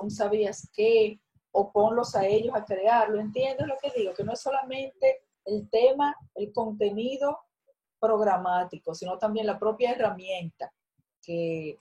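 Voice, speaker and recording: A woman's voice: medium pitch, mellow, low-quality recording. A woman teacher giving an online class on a video call, explaining and correcting student work with encouragement. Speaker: university teacher.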